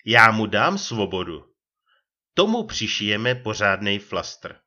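A gruff old retired detective, as a male reader puts him on, blunt and growling, his pitch swinging widely as he talks. The sound is dull and lo-fi. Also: sing-song, bright, forceful tone. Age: older.

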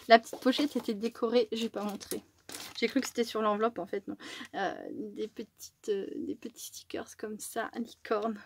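A woman opens fan mail in a craft vlog, chatting casually and rambling, correcting herself, giggling often, and now and then dropping to a hush. Her voice is a little high, with a slight hiss or hum in the recording.

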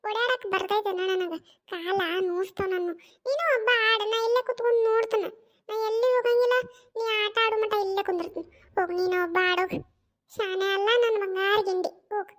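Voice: very high voice, steady tone, a little fast, a bit bright, voice pushed down. A performer voicing an old cartoon grandmother with a North Karnataka Kannada accent who coaxes and soothes a grandchild and complains of aching legs. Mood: pleading. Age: older. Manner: pleading, coaxing, soothing. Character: old village grandmother, tired legs, gentle. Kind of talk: cartoon character voice.

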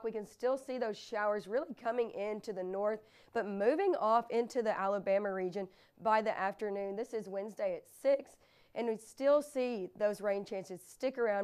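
Clear-voiced young American woman forecasting weather. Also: medium pitch, a little mellow. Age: young adult. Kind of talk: semi-scripted TV weather forecast, ad-libbed over maps. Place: indoor TV studio with green screen.

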